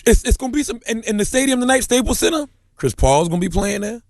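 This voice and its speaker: A man's voice: very high voice, expressive, fast, creaky, dry recording, clean studio sound. A man co-hosting a podcast, arguing emphatically and profanely in a casual debate. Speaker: podcast co-host.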